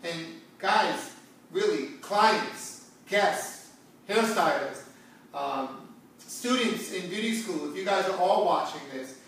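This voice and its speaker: A middle-aged man with a high, slightly bright voice speaks slowly and animatedly as host of an educational salon talk show; he's a hair stylist and repeats phrases to drive his point home to viewers in a conversational yet emphatic style. A far camera picks him up in the echoey salon seating area indoors, with hiss underneath.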